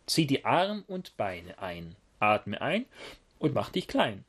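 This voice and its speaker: A man's voice: medium pitch, wildly swooping pitch, takes it slowly, fairly bright tone, breathy edge, full character voice. A man voicing a cheerful, clever male raccoon in a children's storybook, eager and encouraging.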